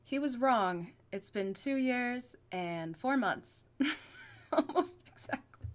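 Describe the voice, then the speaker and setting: A young woman talking to her channel in an unscripted vlog, rambling and halting with fillers, often laughing at her own words. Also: on the high side, expressive. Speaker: YouTuber.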